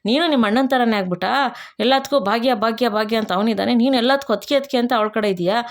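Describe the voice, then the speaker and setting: A woman's voice: fairly high pitch, fast talker, lightly acted. A woman voicing a bitter, scheming older aunt who scolds and orders others to shut up, in a retold TV serial story. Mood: angry scolding. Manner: scolding, domineering.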